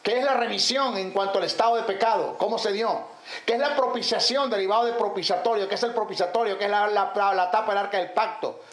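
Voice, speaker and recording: High-voiced preacher teaching emphatically. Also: male voice, quick pace, fairly bright tone. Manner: fires rhetorical questions, lists terms, emphatic. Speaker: Bible teacher. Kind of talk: theological teaching sermon. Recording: echoey room, faint background noise.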